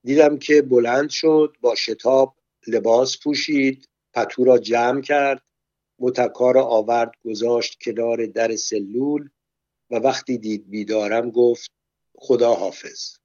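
Calm man reading a story, dull sound. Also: medium pitch, no room sound. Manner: calm, measured, unhurried. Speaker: narrator. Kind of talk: storytelling read-aloud.

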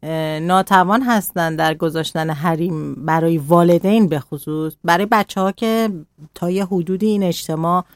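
Calm woman explaining on radio. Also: low-pitched, dry recording. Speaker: radio guest psychologist. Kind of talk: radio talk on parenting.

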